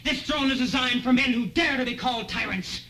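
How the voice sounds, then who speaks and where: A bossy mock British officer. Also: male voice, very high voice, a little fast, pushed and bright. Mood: salesy. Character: young man putting on a bossy British officer. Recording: roomy, distant 1960s TV audio with music.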